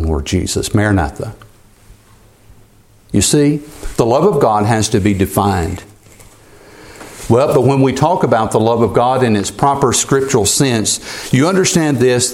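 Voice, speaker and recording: A man in his sixties preaching a sermon to his congregation, climbing high on key words and dropping low to drive points home. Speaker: pastor.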